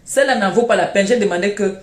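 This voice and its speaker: A woman's voice: medium pitch, fast, reverberant. Scolding Cameroonian woman ranting on a live stream. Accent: Cameroonian French. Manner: scolding, mocking, repetitive jabs. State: unwell, tired. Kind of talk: mocking live-stream rant. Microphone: phone on a live stream.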